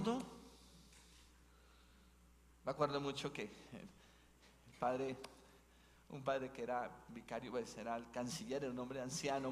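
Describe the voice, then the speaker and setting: A man's voice: mid-range voice, a little hiss or hum. A man from Colombia, a bishop preaching an Advent mission sermon. He tells stories as he preaches and keeps tagging his sentences with questions to the congregation. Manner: storytelling preacher, leans on tag questions. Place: church. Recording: long church reverb.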